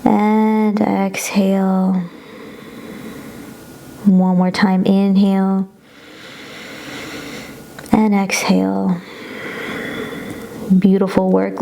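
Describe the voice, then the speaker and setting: A woman's voice: mid-range voice, creaky, mellow. A woman yoga instructor guiding a class through poses in an encouraging, reassuring and informal way.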